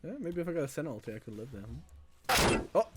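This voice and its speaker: A woman's voice: sits low, big pitch swings, brisk, heavy background noise. A woman gaming with friends on voice chat, teasing and laughing often in casual banter. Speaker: gamer.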